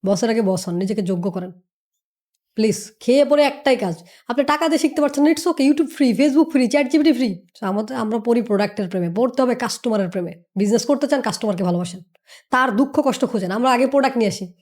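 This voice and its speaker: A woman's voice: fairly high pitch, fast, darkish tone. A woman giving motivational business advice on a podcast. She lectures emphatically, repeating points and firing rhetorical questions. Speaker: business mentor.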